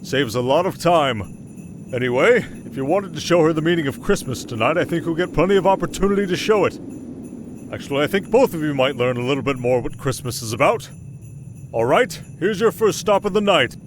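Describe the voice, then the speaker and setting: A man playing a kindly, fatherly old Santa Claus who gently chides and chuckles in an ASMR roleplay. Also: a little high, animated, brisk, background noise, lightly acted. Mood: warm, wise.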